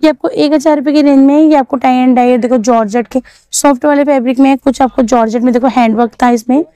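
A young woman vlogs while walking through a busy outdoor street market, chatting about prices and fabrics, showing clothes and asking shopkeepers. She talks at a quick pace in a high, dark yet clean voice with fairly even intonation, and there's no room sound.

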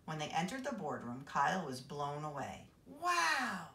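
A woman reading a children's novel aloud in an expressive, animated way. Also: sits low, normal speed, a little hiss or hum. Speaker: assistant principal reading aloud. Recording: roomy echo.

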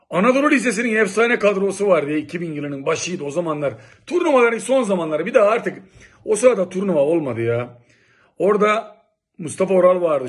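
A middle-aged man from Turkey telling old local stories in a lively, exclamatory, casual way. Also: fairly high pitch. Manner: animated, exclamatory, lively storytelling. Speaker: local vlogger reminiscing. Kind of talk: casual nostalgic monologue.

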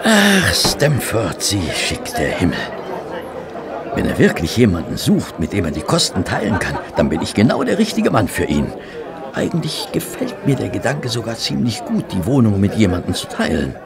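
An actor playing Dr Watson, a weary, rueful army doctor back from war, narrating and talking in a radio play. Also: male voice, on the low side, wildly swooping pitch, moderate pace. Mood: friendly. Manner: rueful, weary, warmly polite. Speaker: narrator and character. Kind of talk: German radio play acting. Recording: restaurant crowd murmur behind. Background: restaurant chatter.

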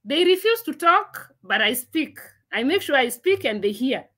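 This livestream host, a woman in her forties, talks casually from home, laughing often while she reads out and responds to viewers' comments. Her sing-song voice sits high, is a bit bright, and moves at a moderate pace through a laptop mic.

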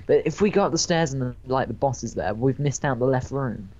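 A man's voice: medium pitch, lively intonation, fairly quick, darkish tone, highs cut off. A young man giving cautious, matter-of-fact commentary while playing a game with a friend. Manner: cautious, gives tactical tips. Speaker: gamer. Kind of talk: casual gaming commentary.

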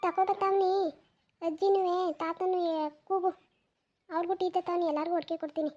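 A loud, bossy village mother in a cartoon, as a woman voices her. She calls out briskly in a very high, quick voice. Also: steady tone, lo-fi sound. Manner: shouting, brisk. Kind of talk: cartoon voice acting.

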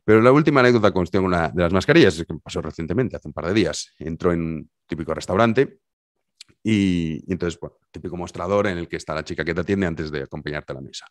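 Man, Spanish accent, deep voice, dry close mic, casual podcast monologue, animated storytelling. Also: quick pace, no echo. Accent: Spanish from Spain. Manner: animated storytelling, acting out dialogue. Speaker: podcast host.

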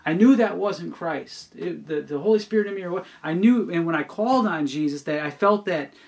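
A middle-aged man telling a personal testimony on a podcast, earnest and halting, often restarting and repeating words. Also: a little high, animated, gravelly, darkish tone.

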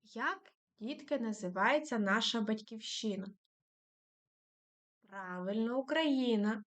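A woman's voice: fairly high pitch, slow, a bit bright. A woman teaching a primary school lesson to young children, dictating patiently and praising them often.

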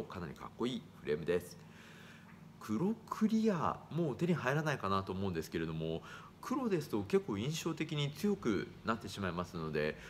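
A man in his thirties, an eyewear shop worker, giving a formal, courteous product presentation into a phone camera in a small shop. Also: slight background noise. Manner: formal, courteous, lively rises in pitch. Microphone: phone camera at arm's length.

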